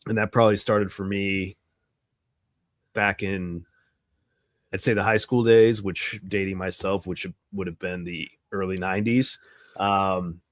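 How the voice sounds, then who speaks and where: A man in his forties from Florida, chatting as a guest about his paranormal show in a relaxed, rambling storytelling way over a video call from outdoors. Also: low voice, measured pace, long pauses, no room sound, studio quality. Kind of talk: casual chat.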